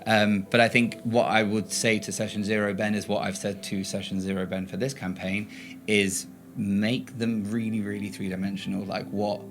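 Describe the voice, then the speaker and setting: A man's voice: fairly low pitch, flat delivery, moderate pace, soft background music. A man in a tabletop podcast chat, talking earnestly and thinking aloud with restarts. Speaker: player in a tabletop game podcast.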